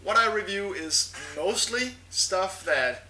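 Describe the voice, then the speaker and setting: A man's voice: sits high, expressive, slow, sharp tone, recorded from a distance, a little hiss or hum. A man who reviews horror movies, chatting casually and candidly as he answers viewer questions, with the odd filler. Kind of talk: casual talk to camera. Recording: echoey room.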